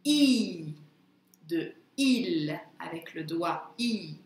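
A woman teaches phonics to young children, pronouncing each word slowly, carefully, and in a drawn-out way. Her pitch is animated, and the room has an echo.

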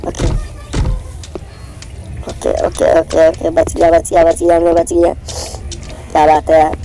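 A young man, hoarse from a cold, giving jittery live commentary on a horror game, repeating words in quick bursts. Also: fairly high pitch, monotone, dark tone, faint music behind, poor audio. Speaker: gaming channel host.

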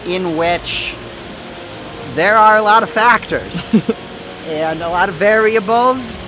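Here a young adult host speaks slowly in a high voice while rambling through a wooded hillside for an outdoor hiking vlog with voice-over narration. He jokes and acts mock-dramatic, captured by a camera mic outdoors amid background noise.

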